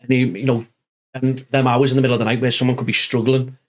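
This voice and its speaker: A man's voice: mid-range voice, flat delivery, fast. Rambling, matey northern English man. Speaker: podcast host. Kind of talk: casual chat, telling anecdotes.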